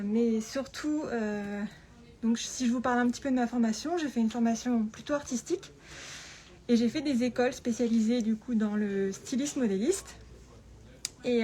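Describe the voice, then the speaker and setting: A woman presenting an informal tutorial through a face mask, speaking carefully and deliberately with frequent pauses and a slightly muffled sound. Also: fairly high pitch, warm tone. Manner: careful, deliberate, often pausing. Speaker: patternmaker presenting a lesson. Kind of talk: spoken tutorial with informal explanations. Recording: clear background room noise.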